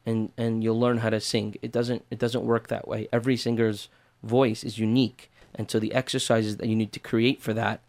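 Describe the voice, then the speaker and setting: A man's voice: on the low side, level tone, normal speed, darkish tone. A man working as a voice teacher, answering interview questions in an earnest, step-by-step way.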